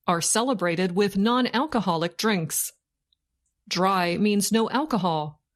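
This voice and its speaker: Woman reading slowly and deliberately, dictation-style. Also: mid-range voice. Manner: slow, deliberate, short phrases with pauses, like dictation. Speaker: narrator. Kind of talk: slow scripted learning-English news reading.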